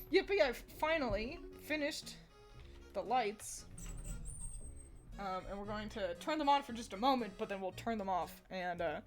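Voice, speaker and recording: A woman's voice: mid-range voice, animated, measured pace, pauses often, faint music behind. A woman streamer chatting casually with her viewers, rambling and laughing often between thoughts.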